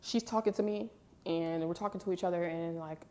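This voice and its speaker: A woman's voice: fairly low pitch, fairly quick, mellow. A woman in her thirties telling a personal story in a rambling, casual way, often restarting her sentences. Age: 30s. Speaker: vlogger.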